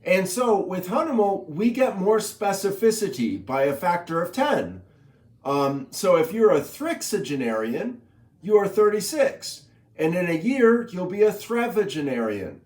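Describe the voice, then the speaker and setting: A man's voice: high voice, very animated, a little slow, darkish tone, reverberant. A man casually explaining a number system he invented, in a playful, teasing way, reciting long lists of coined number words.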